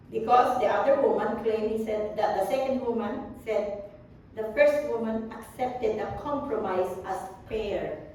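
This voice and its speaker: Slow, halting woman preaching in an echoey room. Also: on the high side, a little mellow. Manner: slow, halting with many fillers and restarts. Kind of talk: sermon. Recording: distant echoey room with faint background noise.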